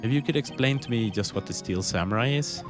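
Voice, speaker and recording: A man's voice: mid-range voice, brisk, close to an everyday voice. A man voicing a wry young male lawyer who asks dry, probing questions, with music behind. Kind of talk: fan dub of a video game.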